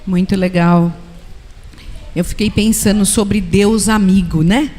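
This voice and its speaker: A woman's voice: medium pitch, fairly even intonation, slow pace, dark tone. A woman with a Brazilian accent teaching at a church congress, personal in tone and asking the listeners direct questions. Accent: Brazilian Portuguese. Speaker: church speaker. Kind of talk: sermon-style teaching. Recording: echoey hall with long reverb.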